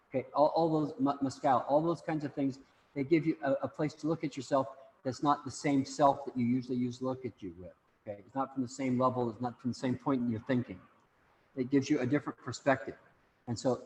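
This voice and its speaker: A man teaching an online class in a casual, joking, rambling way, often repeating words, over a video call. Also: medium pitch. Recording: long reverb, faint room noise.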